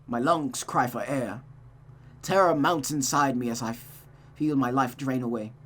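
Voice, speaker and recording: Reading a visual novel out loud, this streamer mixes dramatic narration with offhand asides. The voice sits at medium pitch and moves a little slowly, expressive throughout, with frequent restarts when a line is misread.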